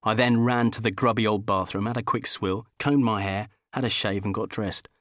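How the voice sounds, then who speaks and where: A man's voice: on the low side, fairly even intonation, normal speed, fairly bright tone, no room sound. A man reading a first-person comic novel as an audiobook, in a wry, dry storytelling manner. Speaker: audiobook narrator.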